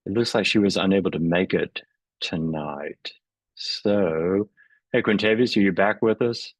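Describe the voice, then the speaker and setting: A man's voice: low voice, a little slow, dry recording. A man hosting an artist talk over a video call, chatting casually with many filler words and frequent laughter. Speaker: host and moderator of an artist talk. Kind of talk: casual presenting.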